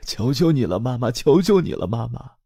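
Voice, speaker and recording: A man's voice: sing-song, measured pace, mellow, slightly rough, no room sound, clean studio sound, full character voice. A man voicing an anxious grown woman who begs her family for love, pleading and tearful. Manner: pleading, tearful, high-pitched.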